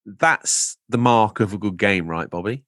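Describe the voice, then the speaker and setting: Speaking at a measured pace, a podcast host with a voice on the low side and a bit bright reads out comments from listeners. His casual chat is playful and rambling, marked by theatrical emphasis, and the sound is dry and clean from a studio.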